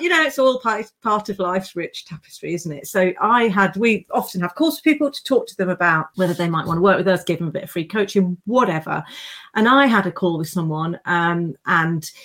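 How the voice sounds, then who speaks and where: A middle-aged British woman talking casually as the host of a podcast. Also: fairly low pitch.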